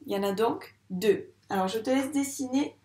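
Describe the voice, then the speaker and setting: A woman's voice: on the high side, normal speed, dark tone, reverberant, a little hiss or hum. A woman teaching first-grade phonics to young children, patiently stretching out sounds and syllables.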